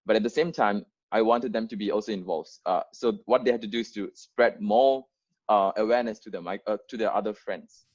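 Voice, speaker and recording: Talking fairly quickly in a voice on the low side, a young English-speaking Bangladeshi man in his twenties shares his organisation's founding story with volunteers in an earnest, unscripted video-call onboarding talk. He fills it with fillers and restarts, and the highs in the audio are cut off.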